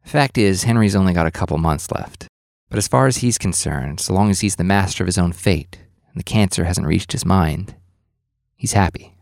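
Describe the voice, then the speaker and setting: A man's voice: low-pitched, normal speed, gravelly, a little mellow, no echo. A man narrating a story podcast as its host, in a dry, wry scripted delivery.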